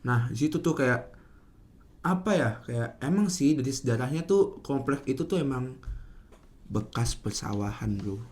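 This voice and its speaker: Young male podcast guest, Jakarta accent, lisped R, slangy and halting casual storyteller. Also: mid-range voice, lively intonation, a little mellow. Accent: Jakarta Indonesian. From Indonesia, Jakarta. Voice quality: lisped R, cannot roll it. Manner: slangy, hesitant, rambling.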